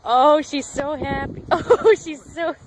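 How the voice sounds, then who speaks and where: High, gushing woman filming a homecoming. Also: slow. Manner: gushing, laughing, exclaiming. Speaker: family member filming a homecoming. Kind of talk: excited home-video commentary. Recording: home video with clear background noise.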